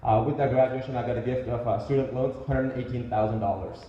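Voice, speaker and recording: A man in his late twenties giving an animated, joking motivational speech to a crowd at a business event. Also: mid-range voice, quick pace. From Indian heritage. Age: late 20s. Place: large indoor event hall. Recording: echoey event hall, dull sound.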